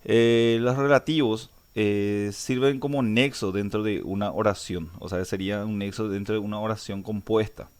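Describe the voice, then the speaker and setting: A man's voice: on the low side, fairly even intonation, moderate pace, few pauses, a little mellow, smooth. Man teaching a grammar lesson. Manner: explains step by step with frequent "eh" fillers and restarts. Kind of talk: recorded online grammar lesson.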